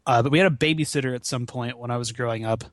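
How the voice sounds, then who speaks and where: A man in his twenties, a podcast guest and gaming marathon runner, rambles casually about video games, swearing freely and tossing in slangy, self-deprecating asides. He talks very fast at a medium pitch, recorded at studio quality with no room sound.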